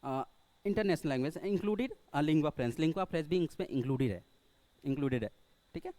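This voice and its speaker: A man's voice: on the high side, animated, moderate pace, mellow, dry recording. A man teaching a spoken lesson, hesitant and full of filler sounds, who keeps checking in with the class and calls his listeners brother. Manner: checks in often with rhetorical questions, addresses listeners as brother. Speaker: English teacher.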